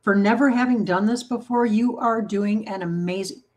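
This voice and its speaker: A woman's voice: mid-range voice, normal speed, darkish tone. Chatty woman hosting a baking livestream. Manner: chatty, reads and answers viewer comments; playful and encouraging. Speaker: baking channel host. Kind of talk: casual livestream chat.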